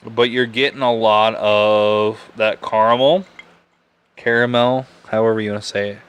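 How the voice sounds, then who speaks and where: A man's voice: lowish voice, little pitch movement, moderate pace, smooth. A young man hosting a podcast, chatting casually and rambling a little as he reviews a drink, often correcting himself. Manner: rambling, laid-back, self-correcting. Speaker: podcast host reviewing bourbon. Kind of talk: casual live-stream chat.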